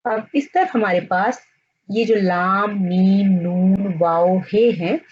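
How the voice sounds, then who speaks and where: Slow, husky woman teaching letters. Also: medium pitch, a little mellow, highs cut off. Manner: slow, deliberate, spells out letters and sounds one by one. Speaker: language teacher. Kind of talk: slow alphabet lesson.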